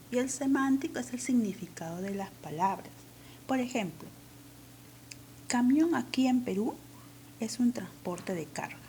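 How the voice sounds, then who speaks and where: Peruvian woman teacher, unhurried and warm-toned, patient step-by-step explainer. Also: a little high, a little hiss or hum. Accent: Peruvian Spanish. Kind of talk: recorded language lesson.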